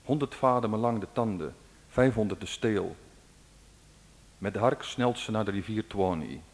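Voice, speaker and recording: A man narrating an old folk epic aloud in a measured, dramatic way. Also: lowish voice. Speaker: storyteller. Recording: long hall reverb.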